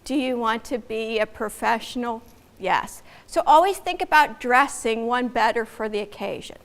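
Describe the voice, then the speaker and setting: A woman's voice: on the high side, lively intonation, normal speed. A woman with an American accent gives casual, conversational advice on presenting a research poster, with fillers and acted example lines. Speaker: presenter giving poster tips. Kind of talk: casual workshop talk. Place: echoey room. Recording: echoey room.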